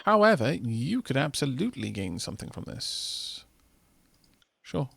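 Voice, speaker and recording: Wry man, gravelly voice. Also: mid-range voice, big pitch swings, measured pace, fairly bright tone. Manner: wry, reads game text aloud, mutters asides. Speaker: streamer playing a video game. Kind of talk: casual let's-play commentary.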